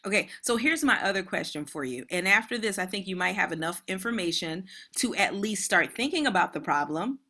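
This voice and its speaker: A woman's voice: medium pitch, lively intonation, fairly quick, few pauses, pushed and bright. A woman math teacher giving an online lesson in a casual, chatty way, talking straight to her students.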